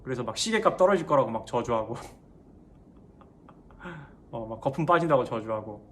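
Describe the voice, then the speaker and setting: A man telling a personal story in a casual monologue, animated and emphatic, switching between polite and blunt speech. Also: medium pitch, moderate pace. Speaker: speaker sharing a personal story.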